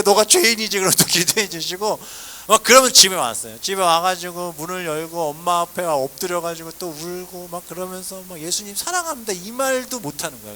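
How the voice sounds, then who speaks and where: A male pastor, likely in his forties and from South Korea, telling his own testimony in a sermon, swinging between loud exclaiming and hushed asides. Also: on the high side, slight background noise.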